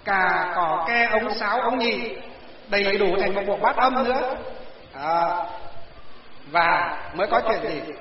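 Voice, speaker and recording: A man's voice: high voice, takes it slowly, pauses often. A man preaching a Buddhist sermon to a gathered audience, constantly posing rhetorical questions and answering them himself, and sometimes questioning listeners directly. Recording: roomy hall reverb, dull lo-fi sound.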